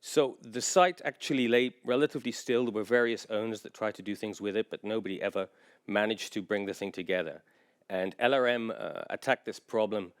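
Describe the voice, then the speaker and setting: A man delivers a conference presentation in a low, smooth, resonant voice. He speaks in a measured, informative way. His sentences are broken up by frequent filler pauses. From England. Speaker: general manager giving a presentation.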